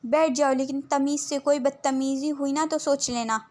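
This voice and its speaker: A woman's voice: high voice, steady tone, moderate pace, a little mellow, natural voice. A woman playing a sarcastic stern male teacher.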